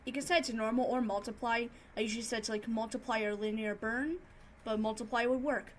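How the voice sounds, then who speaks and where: A woman narrating an improvised tutorial in a casual, subdued and somewhat monotone way. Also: a little high, fast, a little hiss or hum. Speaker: tutorial host, digital artist.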